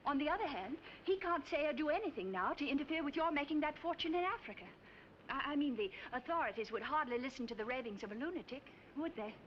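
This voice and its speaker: An actress in a 1950s film playing a flighty, affected upper-class wife with a breathy, gushing manner. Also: female voice, high voice, animated, quick pace, a little hiss or hum. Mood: airy scheming. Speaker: film character. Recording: dull old film soundtrack with music.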